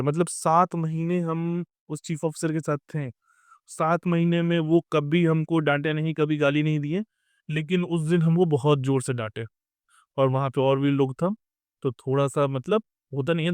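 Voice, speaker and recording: Young guy telling a ship story, chatty, keeps saying theek hai, smooth voice, dry sound. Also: fairly high pitch, no echo. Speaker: merchant navy officer sharing advice. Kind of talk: casual storytelling vlog.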